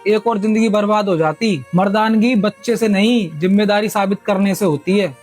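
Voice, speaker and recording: An actor playing a calm doctor who reassures and then lectures a patient. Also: male voice, high-pitched, normal speed, soft background music. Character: calm, wise male village doctor.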